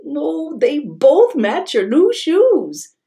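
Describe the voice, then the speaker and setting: A woman's voice: high voice, huge pitch swings, extremely slow, dark tone, pitched above the performer's own voice, full character voice. A woman voicing a kind, patient grandmother in a children's storybook. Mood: reassuring.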